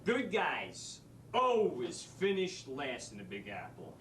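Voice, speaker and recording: An actor playing a brash, wisecracking New street-smarts teacher in a stage monologue. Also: male voice, mid-range voice, huge pitch swings, takes it slowly, fairly bright tone, slight background noise, exaggerated voice. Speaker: actor in a drama school showcase monologue. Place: theater stage. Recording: echoey stage from a distant mic.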